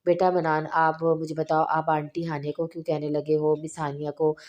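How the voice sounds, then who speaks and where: Female reader doing a stern father questioning his sons, flat and low. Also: moderate pace, muffled recording, close to an everyday voice. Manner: probing, firm.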